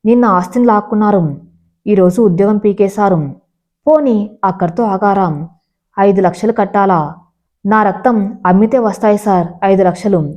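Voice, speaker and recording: A woman's voice: mid-range voice, moderate pace, mellow, natural voice. A woman narrator voicing a desperate young female employee who speaks in bitter, accusing tones. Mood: bitter accusation. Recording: slightly dull lo-fi sound.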